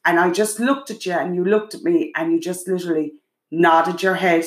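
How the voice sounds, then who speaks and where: A woman's voice: fairly low pitch, steady tone, fairly quick. A middle-aged Irish woman, a guest on her daughter's show, telling a story at length with many remembered exchanges. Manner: vivid, run-on storytelling with many quoted exchanges. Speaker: guest, the host's mother. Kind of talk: emotional storytelling in casual chat. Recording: echoey room.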